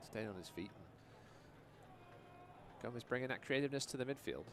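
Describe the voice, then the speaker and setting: A man's voice: mid-range voice, animated, a little fast, fairly bright tone. A man giving conversational analysis as color commentator on a live soccer match. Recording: outdoor stadium noise behind. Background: outdoor stadium ambience.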